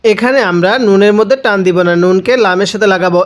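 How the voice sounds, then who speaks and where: A man with a Bangladeshi Bengali accent teaching Quran recitation, stretching out the Arabic words in a melodic chant and asking the learner again and again how each phrase is read. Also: high-pitched. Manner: drawn-out melodic recitation of Arabic words between brisk explanations; repeats himself and asks the viewer how to read each phrase. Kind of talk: spelling-out Quran recitation lesson.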